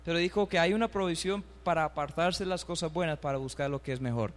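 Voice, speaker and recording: Male pastor, high-pitched, fervent sermon delivery, reads scripture and leads the congregation in call-and-response. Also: quick pace, long reverb tail. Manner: fervent, climbs to loud, high emphatic bursts; reads scripture aloud and calls for the congregation to repeat. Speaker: preacher.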